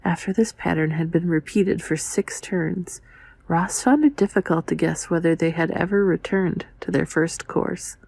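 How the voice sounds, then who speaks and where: A woman reading a novel aloud under her breath in a hushed, half-whispered, breathy ASMR style. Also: fairly low pitch, steady tone, moderate pace, no room sound. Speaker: audiobook reader.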